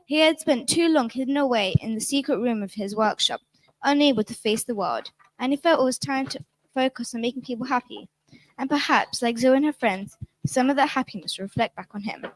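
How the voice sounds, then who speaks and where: A woman narrating a children's story in a clear, measured way. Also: fairly high pitch, no room sound, poor audio.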